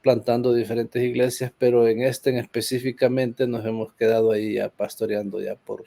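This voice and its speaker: Gravelly, mellow-voiced pastor from Honduras. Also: male voice, mid-range voice, flat delivery, normal speed. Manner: earnest, hesitant with fillers. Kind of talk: conversational church talk.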